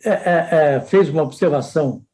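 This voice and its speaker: A man's voice: on the high side, normal speed, a little mellow, low-quality recording. A man hosting a podcast, speaking thoughtfully and asking questions. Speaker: podcast host. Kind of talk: casual podcast conversation.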